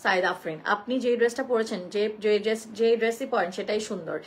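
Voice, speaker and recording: A woman's voice: mid-range voice, a little fast, low-quality recording. A woman in her thirties with a Bangladeshi accent, chatting casually as she shows clothes on a live stream and reads viewer comments, switching between Bengali and English. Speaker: live sale host.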